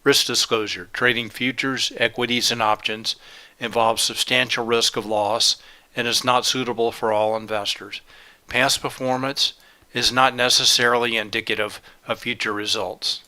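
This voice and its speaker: A sore throat and mild congestion from a cold color this man's mid-range voice as he runs a live trading webinar. He talks at normal speed with little pitch movement and a bright, forceful tone. His approach is methodical, stating each step and item plainly.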